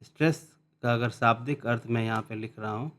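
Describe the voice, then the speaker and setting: A man teaching English phonetics in Hindi, reading definitions out slowly and then explaining them, often restarting and repeating words. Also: mid-range voice, a bit bright.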